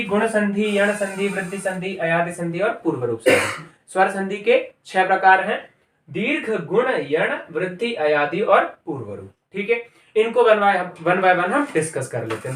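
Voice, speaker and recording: A Sanskrit and Hindi grammar teacher with a high, fairly bright voice gives a classroom-style grammar lesson, recorded off-mic from a distance in an echoey room. He explains step by step, repeating each term and asking "ठीक है".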